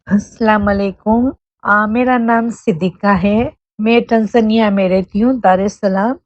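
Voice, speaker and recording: A woman's voice: mid-range voice, fairly even intonation, no echo. A woman calling in to a religious show, asking her question in a plain, earnest way. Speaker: caller. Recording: dull, dry phone-line call.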